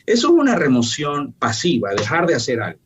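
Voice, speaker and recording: A man's voice: medium pitch, huge pitch swings, a little fast, husky, highs cut off. A man, a functional medicine doctor, explaining his approach in an emphatic, teacherly way during an interview. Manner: emphatic, didactic, lists points firmly.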